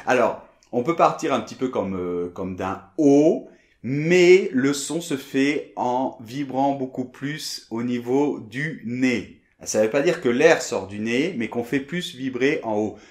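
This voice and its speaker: A French man teaches pronunciation, breaking sounds apart and repeating them slowly for learners. His pitch swings widely as he demonstrates. The room around him is echoey. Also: lively intonation.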